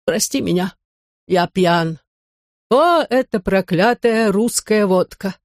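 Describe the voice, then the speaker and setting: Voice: mid-range voice, slow pace, dry recording, clean studio sound. A reader voicing a drunk, lovesick French nobleman in an audiobook, lamenting in plaintive exclamations. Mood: drunk apology.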